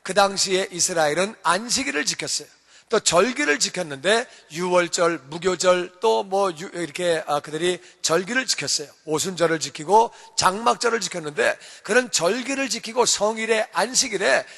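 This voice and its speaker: Male pastor, emphatic sermon delivery, gravelly tone, long church reverb. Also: sits high, lively intonation, normal speed, sharp tone. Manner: emphatic preaching, repeats phrases for stress.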